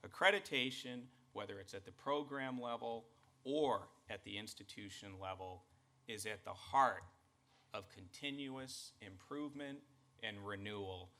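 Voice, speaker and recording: Bright-toned Boston man giving an address. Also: fairly low pitch. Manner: measured, emphatic, earnest. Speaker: college president. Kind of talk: formal address to staff.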